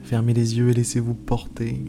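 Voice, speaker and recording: A man hosting an improvised guided meditation, pausing often, repeating phrases and slipping into informal asides. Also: medium pitch, completely flat delivery, background noise. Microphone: speaking into a microphone. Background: music.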